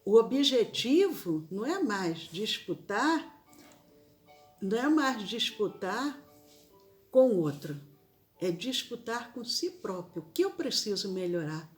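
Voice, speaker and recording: Slow, lively-voiced woman leading a study. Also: medium pitch, faint music behind. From Brazil. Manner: slow, measured, repeats key phrases for emphasis. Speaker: spiritist study leader. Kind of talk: gospel study talk.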